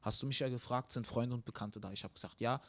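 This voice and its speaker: A young man, a comedian hosting the show, chatting casually and telling a story with animated energy, getting loud when riled. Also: medium pitch, quick pace. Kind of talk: casual chat.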